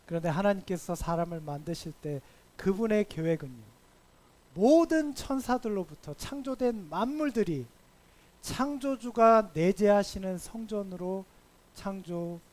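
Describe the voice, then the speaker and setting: A man preaching a sermon as pastor at a church service, telling stories with lively acted dialogue and emphatic swells. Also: high voice, normal speed.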